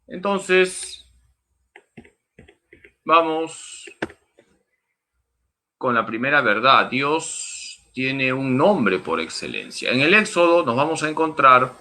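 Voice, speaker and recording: Bright-voiced priest teaching slowly. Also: male voice, medium pitch, sing-song. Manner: emphatic and didactic, repeats key points. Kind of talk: Bible teaching talk.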